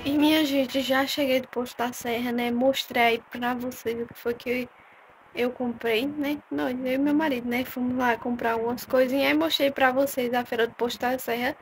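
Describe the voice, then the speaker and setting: A woman's voice: high voice, steady tone, moderate pace, slight background noise. A young woman, chatting to viewers in a casual phone vlog and often calling them "my people". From Northeast Brazil. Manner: chatty, calls viewers "minha gente". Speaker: vlogger. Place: open-air market outdoors, then a room by a block wall. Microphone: phone camera held at arm's length.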